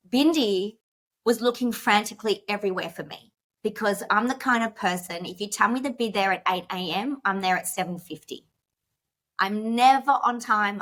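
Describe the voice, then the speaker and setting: A woman's voice: medium pitch, fairly bright tone. A woman who is a podcast guest, telling a personal story in a rush, with many fillers and restarts, and emotional at moments.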